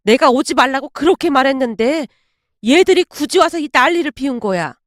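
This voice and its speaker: A woman voicing an older mother-in-law who scolds her son and then slowly pleads with her daughter-in-law, in a dramatized story reading. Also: sits high, animated, dry recording, clean studio sound. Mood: pleading.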